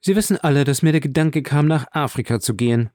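An effusive nobleman in his thirties, as a male narrator puts him on, exclaiming with a raised, lively voice. The audiobook sound is close and dry. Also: on the high side, fast, dry recording, voice pushed up, natural voice. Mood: emphatic. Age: 30s. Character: elegant noble around thirty, emphatic, effusive.

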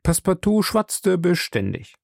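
Man narrating a storybook, gravelly. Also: sits high, sing-song, a little slow, no room sound, studio quality. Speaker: audiobook narrator. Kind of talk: scripted narration.

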